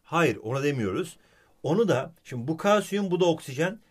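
A man's voice: on the high side, a little fast, slightly rough. A man teaching chemistry in a playful way, teasing his student and heaping on praise. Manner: animated, teasing, keeps repeating praise and the student's name. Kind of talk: playful comedic lesson.

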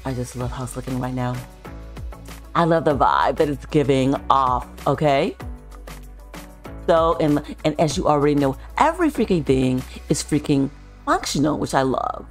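Woman vlogger, low voice with big swings, over soft background music. Excitable, gushing tour host who talks straight to her viewers. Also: moderate pace. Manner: gushing, excitable, repeats herself for emphasis. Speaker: vlogger giving a virtual home tour. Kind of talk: casual chatty tour narration.

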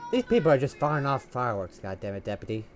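A man's voice: mid-range voice, very animated, fast talker, slight background noise. A man recording a co-op game session, joking and sarcastic while he plays. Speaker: gamer recording a co-op let's play. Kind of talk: casual gameplay commentary.

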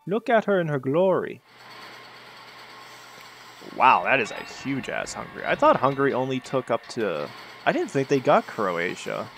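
Sing-song and a bit bright, his creaky medium-pitched voice moves at normal speed over faint background music. He hosts his own gaming channel, and as a native English speaker he casually commentates a strategy game, thinking out loud, rambling and tossing in sarcastic self-directed asides.

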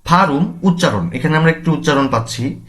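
A man's voice: a little high, lively intonation, fairly quick, a bit bright. A man teaching a language lesson, reading each word aloud and then explaining its meaning and use. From Bangladesh.

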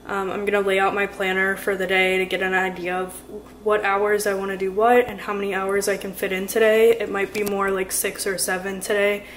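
A woman in her twenties, studying for a medical school entrance exam, chats casually to camera in a study vlog from her apartment living room, full of "like" and "um." Her voice is medium pitch, fairly quick, and flat, with a little hiss or hum in the recording.

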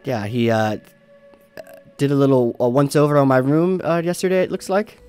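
A man's voice: medium pitch, normal speed, darkish tone, clean tone, faint music behind, voice pushed up, natural voice. Man doing a fussy tavern barmaid, raised voice, stammers, polite but put out. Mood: prim. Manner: flustered, stammering. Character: fussy middle-aged woman tavern barmaid.

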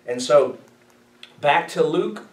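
A man preaching as a pastor, emphatic and animated, asking his listeners questions as he teaches. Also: a little high, slow pace, a crowd in the background. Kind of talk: sermon, Bible study teaching. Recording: echoey room, mic at a distance.

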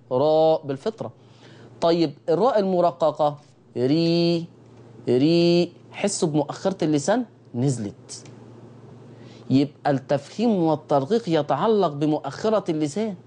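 Mellow-voiced Egyptian man teaching recitation. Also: fairly high pitch. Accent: Egyptian Arabic. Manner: repeats key phrases and sounds out letters slowly for viewers to copy. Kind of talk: televised recitation lesson.

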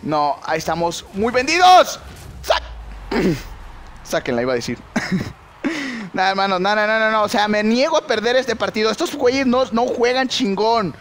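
A young man with a Mexican accent giving excitable, slangy live commentary on his own gameplay and shouting at big plays. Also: sits high, normal speed, long pauses, a little hiss or hum. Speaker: gaming YouTuber.

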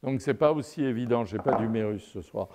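A man's voice: medium pitch, fast talker, darkish tone, slight background noise. An older man giving a live anatomy lecture while drawing at a chalkboard, digressive and wry, often checking in with his audience. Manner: digressive and wry, peppered with "n'est-ce pas".

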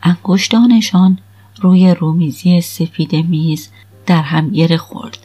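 Husky woman narrating an audiobook. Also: lowish voice, warm tone. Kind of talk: first-person audiobook narration.

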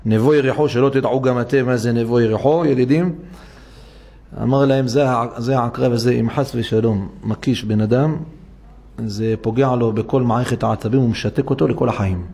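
A man's voice: medium pitch, steady tone, creaky, warm tone, breathy edge. A man preaching as a rabbi in a synagogue, telling a story and acting out each character's voice with animation. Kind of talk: sermon storytelling.

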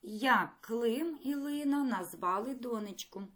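A woman teaching a primary school lesson in a recorded video, speaking clearly, patiently and encouragingly. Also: fairly high pitch, animated, takes it slowly, a bit bright.

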